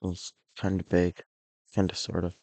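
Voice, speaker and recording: At a moderate pace, a man with a gravelly, raspy low voice casually narrates one of his alternate-history maps, drifting from point to point and often backing up to restart or fix what he said. He sounds hoarse and slightly ill. There's no echo; the audio is close and dry.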